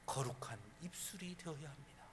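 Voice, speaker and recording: A man's voice: fairly high pitch, a little fast. A man preaching a sermon as pastor, telling stories emphatically and acting out the quotes. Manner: emphatic storytelling with acted quotes. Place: church sanctuary. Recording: church hall reverb, faint room noise.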